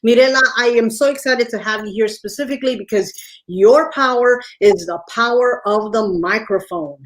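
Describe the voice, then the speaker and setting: A woman's voice: fairly high pitch, moderate pace. A woman hosting a show, introducing her guest with effusive praise and repeated welcomes. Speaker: co-host.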